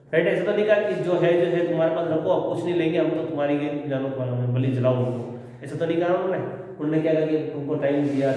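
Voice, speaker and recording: A man's voice: fairly high pitch, mellow, heavy reverb, big-room sound, poor audio. A man teaching a college commerce class, explaining with rhetorical questions and everyday examples. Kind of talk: classroom lecture.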